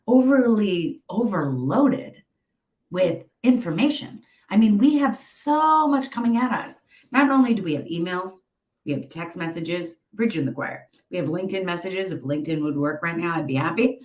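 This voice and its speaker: Lower-pitched woman life coach, motivational talk. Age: middle-aged. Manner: chatty, emphatic pep-talk delivery with rhetorical check-ins. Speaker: motivational speaker and coach hosting a live stream.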